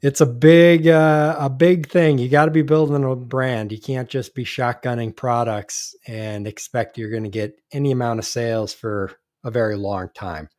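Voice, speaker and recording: Recorded dry in a clean studio, this man has a mid-range, steady, slightly mellow voice and speaks at a moderate pace with few pauses. Hosting a casual live show as a podcast host, he reads out news items but hesitates and restarts frequently.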